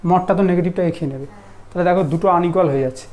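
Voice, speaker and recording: A man teaching a math lesson in a relaxed classroom style, often asking whether students follow. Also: sits high, rapid-fire. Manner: conversational, checks understanding often.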